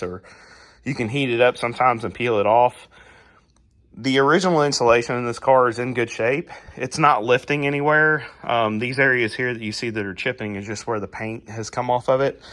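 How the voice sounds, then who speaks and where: A garage channel host films a casual how-to vlog while working on a car, his mid-range, fairly bright voice a little raspy as he recovers from a cold. He talks in a laid-back, rambling way, with plenty of fillers.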